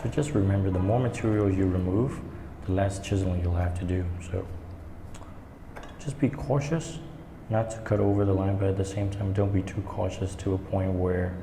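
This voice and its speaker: Male craft instructor, gravelly and low, casual and halting step-by-step delivery, recorded in a reverberant echoing stairwell. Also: steady tone. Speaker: woodworking instructor. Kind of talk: hands-on tutorial, talking while working. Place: indoor staircase with strong echo. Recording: echoey stairwell, long reverb, background noise.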